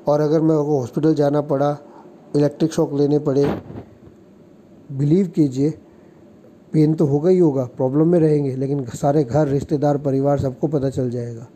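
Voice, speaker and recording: A man's voice: fairly high pitch, fairly even intonation, normal speed, mellow, slight background noise. A man giving earnest, lecturing relationship advice, telling example stories and acting out what people said. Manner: earnest, lecturing, acts out quoted lines.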